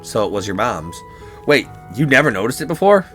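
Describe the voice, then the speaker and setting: An earnest, careful young male hero from a video game, read out by a man in his own voice. The tone is bright and forceful. Soft game music plays behind. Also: medium pitch, sing-song, a little fast.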